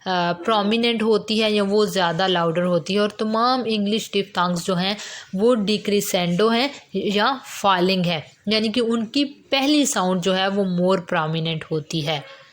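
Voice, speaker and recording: Pakistani lady teaching english vowels, explains slow and step by step, mixes in english terms. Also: mid-range voice. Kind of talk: lecture on English phonetics.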